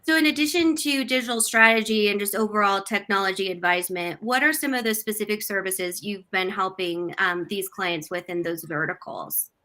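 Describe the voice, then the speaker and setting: A woman's voice: mid-range voice, fairly quick, hardly any pauses, sharp tone. A woman hosting a live-streamed business panel on a video call, asking questions in an upbeat, affirming way. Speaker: webinar host.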